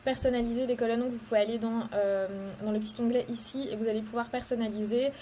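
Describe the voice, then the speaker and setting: Young Belgian woman, casual tutorial host, slightly high pitch, hesitant with fillers. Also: steady tone, fast, dark tone, slight background noise. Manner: hesitant, many fillers, explains step by step. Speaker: social media ads coach. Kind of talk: casual tutorial talk to camera.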